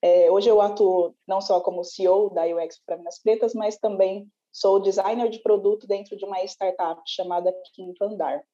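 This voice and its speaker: A Brazilian woman in her 20s, a community CEO appearing as a panel guest, reflects on her story in a conversational panel interview, often tacking on tag questions. Her medium-pitched voice is warm, with fairly even intonation, normal speed and hardly any pauses, though the highs are cut off.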